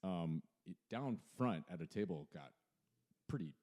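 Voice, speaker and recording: Man, lowish voice, podcast host, storytelling, restarts a lot. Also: expressive, unhurried. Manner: storytelling, hesitant restarts, quiet when serious. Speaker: podcast host and dueling pianist. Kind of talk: casual podcast interview.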